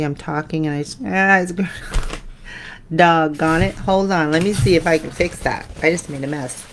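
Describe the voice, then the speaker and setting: A woman hosting a live painting tutorial, chatting with viewers and trailing off into quiet mutters as she concentrates. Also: deep voice, a little hiss or hum. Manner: chatty, answers viewer comments while painting; drifts into soft mutters when concentrating. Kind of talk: live painting demo, casual chat.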